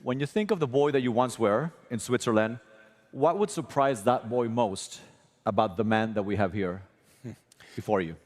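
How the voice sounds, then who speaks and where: A man's voice: medium pitch, moderate pace. A man moderating an onstage interview at a large forum, friendly and chatty, switching languages with ease. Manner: warm, friendly and talkative, switching languages easily. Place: stage of a large forum hall.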